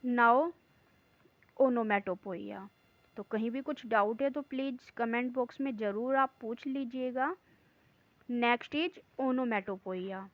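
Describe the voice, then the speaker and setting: A woman teaching English grammar in Hindi, reading English lines slowly word by word and then explaining them quickly. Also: a little high, dry recording, dull audio. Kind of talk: online lesson in Hindi mixed with English.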